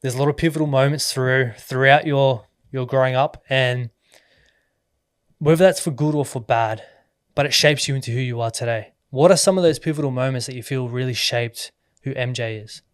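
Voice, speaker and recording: A man hosting a podcast, who eases into his questions in a relaxed, conversational way. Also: mid-range voice, normal speed, clean tone, no echo, clean studio sound. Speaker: podcast host. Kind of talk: conversational interviewing.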